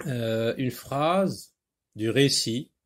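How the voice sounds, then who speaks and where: A man teaching a French phonics lesson to young children, drawing out and repeating sounds and words, with a North African French accent. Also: mid-range voice. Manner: slow, drawn-out, repeating sounds and words for pupils.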